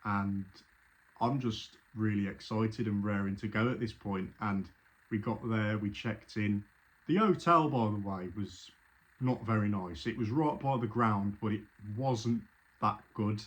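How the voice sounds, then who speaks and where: Fan testimony: man, lower voice, casual and rambling. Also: a little slow, fairly bright tone. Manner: chatty, rambling, with frequent restarts. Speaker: football fan telling his story. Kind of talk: casual spoken recollection.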